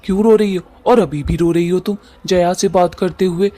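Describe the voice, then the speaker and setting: A man doing a blunt, rough-talking cartoon husband. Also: high voice, fairly even intonation, normal speed, mellow, close to an everyday voice. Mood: coaxing. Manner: brusque, rough colloquial. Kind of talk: cartoon voice acting.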